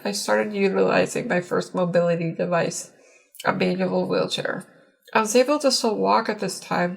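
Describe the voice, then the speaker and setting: A woman in her forties reads a personal account as a patient. Her voice is muffled by ventilation, as though something covers her mouth. It has a marked creak and sits at an ordinary middle pitch. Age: 40s. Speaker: patient giving testimony. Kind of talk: prepared personal testimony, read out.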